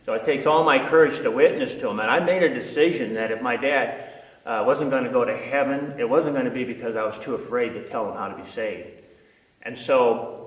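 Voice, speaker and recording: An older man, a former navy diver, telling a personal testimony in an earnest, halting way with frequent restarts. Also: mid-range voice, a bit bright. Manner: earnest storytelling, frequent uh and repeated words. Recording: echoey hall, from a distance.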